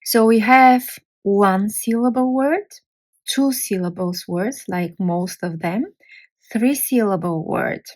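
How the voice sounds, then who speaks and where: A woman's voice: mid-range voice, slow, darkish tone. A woman teaching a language lesson, sounding out letters and syllables one at a time. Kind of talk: slow, careful language lesson.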